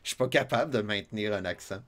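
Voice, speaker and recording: A man's voice: lowish voice, fast, a bit bright. A man with a Québécois accent streaming a retro game, chatting and joking with his viewers and laughing often. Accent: Québécois French. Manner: chatty, jokey, laughs often, reads chat aloud. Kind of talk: casual let's-play chat with viewers.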